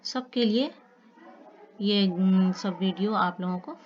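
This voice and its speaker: Woman, patient grammar teacher, talks to the class as children, slightly dull recording, faint hiss. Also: medium pitch. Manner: explains slowly with repeated examples, addresses students as children. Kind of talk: online grammar lesson.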